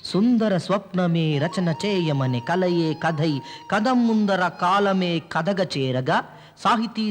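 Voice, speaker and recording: A man reciting ornate classical poetry in a measured, formal way. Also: high voice. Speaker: poet. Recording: film soundtrack with reverb and soft music.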